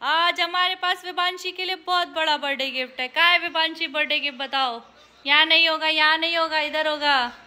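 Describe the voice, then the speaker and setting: Woman, thirties, mother vlogging, sing-song coaxing, high bright voice. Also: fairly even intonation, brisk. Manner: coaxing, sing-song baby talk to her child. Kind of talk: casual family vlog.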